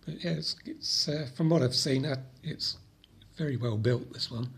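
A man with a croaky voice from a cold, casually explaining a fix in a hobby vlog, rambling with frequent ums and repeated words. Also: medium pitch, moderate pace. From Britain. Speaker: drone hobby channel host.

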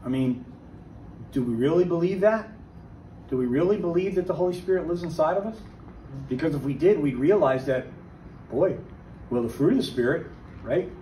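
A man giving a conversational Bible teaching to a recovery group, lively and full of rhetorical questions. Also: fairly high pitch, moderate pace, pauses often. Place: church meeting room. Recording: echoey church room, distant mic, faint hiss.

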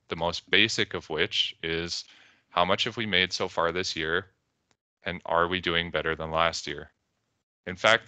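A young Canadian man speaks in a low voice with a sharp tone. The recording is dry. He is a conference speaker giving a presentation over video call, telling a story and quoting its characters in their voices.

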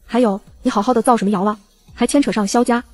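A woman's voice: on the high side, fairly even intonation, quick pace, darkish tone, no room sound, lightly acted. A woman voicing a stern middle-aged mother who scolds her adopted daughter in an audiobook. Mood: scolding.

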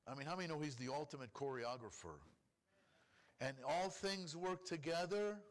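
Rabbi preaching with rhetorical questions. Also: male voice, a little high, normal speed. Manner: acts out complaining prayers in a pleading voice. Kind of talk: sermon. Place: congregation hall.

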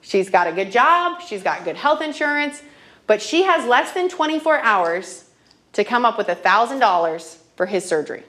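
A woman's voice: fairly high pitch, sing-song, moderate pace, fairly bright tone. A woman in her thirties teaching a classroom money workshop, telling stories and checking in with "okay?" again and again. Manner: storytelling, checks in with frequent "okay?". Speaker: financial literacy trainer.

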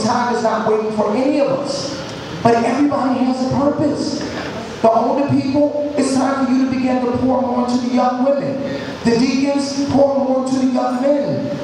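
High-voiced man in his fifties preaching. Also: slight background noise. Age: 50s. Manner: earnest, exhorting, repeats phrases. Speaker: lay preacher. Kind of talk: church sermon. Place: large church sanctuary. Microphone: handheld mic. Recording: echoey hall from far off.

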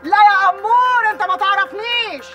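A shrill, brash young woman. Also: brisk, over music. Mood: haggling. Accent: Egyptian Arabic. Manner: loud, shrill and bantering. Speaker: actress. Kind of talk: TV comedy series acting.

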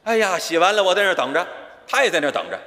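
A man leads a live crosstalk act on a theater stage. His voice sits high and swings widely as he tells the story and jumps into the other characters' lines. The microphone picks up the long reverb of the hall. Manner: animated storytelling that switches quickly into acted dialogue. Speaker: lead comic of a crosstalk duo.

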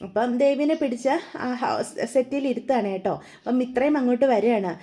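A woman's voice: fairly high pitch, a little fast, mellow. A woman casually retelling a TV serial episode in a chatty way, often addressing her listeners. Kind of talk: casual spoken story retelling.

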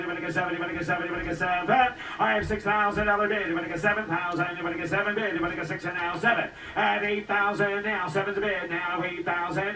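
High, rapid-fire male auctioneer chanting bids. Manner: rhythmic, repetitive calling of bids. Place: large indoor auction arena, over public address. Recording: echoey arena PA, distant, faint noise.

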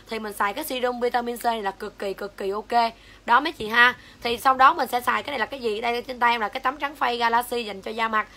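A woman's voice: fairly high pitch, pushed and bright. A young woman with a Southern Vietnamese accent selling skincare on a livestream, switching between coaxing sales patter and foul-mouthed rants at commenters. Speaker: livestream seller.

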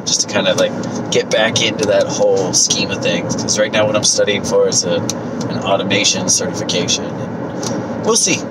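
A man's voice: lowish voice, steady tone, moderate pace. A man in his thirties with a stuffy nose from a cold, chatting casually as a vlogger, his voice a little worn. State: getting over a cold, coughing, voice tiring. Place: inside a moving car. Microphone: phone mounted at arm's length. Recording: loud car road and vent noise.

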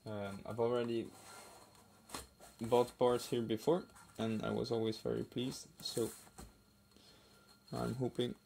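Speaking slowly with long pauses, this hobby builder and video host has a medium-pitched, level, creaky, warm voice. He offers hesitant, offhand unboxing remarks that trail away, at a wooden table indoors. The recording has faint noise along with clicks and crinkling plastic bags.

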